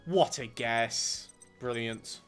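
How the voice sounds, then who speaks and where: Man, gameplay commentary, muttering, exasperated asides, ordinary pitch. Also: drawn-out words, a bit bright, clear, resonant tone, soft background music. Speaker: gamer doing a let's play.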